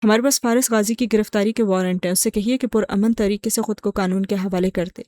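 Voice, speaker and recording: A woman's voice: mid-range voice, fairly even intonation, warm tone, no echo, close to an everyday voice. A woman reading the formal, commanding lines of a male police officer. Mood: stern. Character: stern police officer, man.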